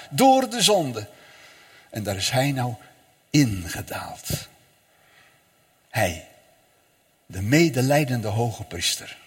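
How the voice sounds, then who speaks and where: A male pastor delivers a solemn sermon with dramatic swells and drops in his voice. He speaks slowly, and his voice carries a slight huskiness. The sound rings with the long reverb of a large church hall. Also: on the high side, breathy edge. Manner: slow, solemn preaching with dramatic rises and falls.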